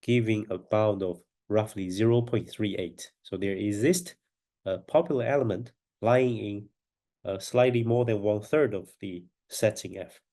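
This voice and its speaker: Congested male lecturer, low mellow voice. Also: unhurried. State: stuffy, runny nose from a cold. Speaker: mathematics lecturer. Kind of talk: technical lecture, explaining a proof step by step.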